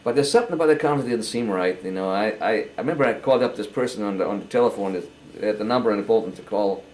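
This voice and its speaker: An older man giving a halting, earnest personal testimony, often repeating words as he goes. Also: lowish voice, a little mellow, slight background noise, low-quality recording. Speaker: interviewee.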